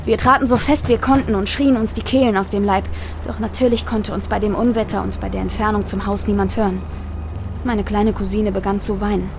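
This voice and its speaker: A woman's voice: medium pitch, steady tone, a little fast, over music. A woman reading a scripted horror story aloud, her voice tightening and rising as the tension builds. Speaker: narrator.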